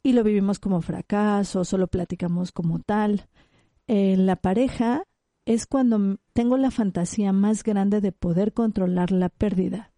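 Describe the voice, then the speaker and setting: Animated woman, dark warm voice. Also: mid-range voice, no echo, clean studio sound. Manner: animated, explains with acted-out examples. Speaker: psychologist guest. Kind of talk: conversational expert interview.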